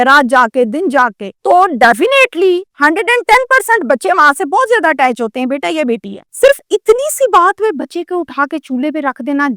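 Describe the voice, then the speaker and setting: A woman with a Pakistani Urdu accent tells a crime story and then turns to indignant, lecturing commentary aimed straight at the listener. Her voice sits high and sounds sharp and bright. The recording is close and dry. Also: dry recording. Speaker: crime news presenter.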